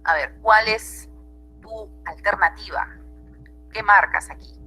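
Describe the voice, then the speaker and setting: A woman's voice: mid-range voice, takes it slowly, pushed and bright, breathy edge, faint music behind, rough recording. A woman teacher with a Peruvian Spanish accent, giving an online grammar class and checking in with her students often.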